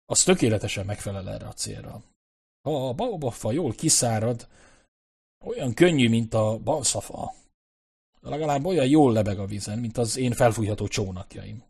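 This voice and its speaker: Guy reading a brisk, know-it-all expedition leader, husky voice, audiobook. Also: mid-range voice, animated, darkish tone. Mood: confident. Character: Nicholas, a brisk, resourceful male expedition leader.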